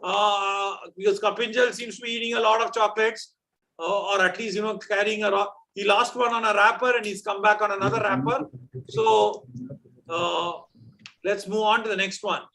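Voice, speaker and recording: A man's voice: high voice, fairly even intonation, normal speed, pushed and bright, low-quality recording. A man with a South Indian accent hosts a live quiz, explaining off the cuff in a chatty, teasing way. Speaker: quiz host.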